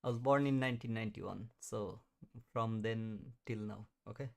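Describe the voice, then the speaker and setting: A man in his thirties with a low, creaky voice at normal speed hosts a live trading stream. He chats casually, answers viewers, laughs often and mutters at the chart as he watches it.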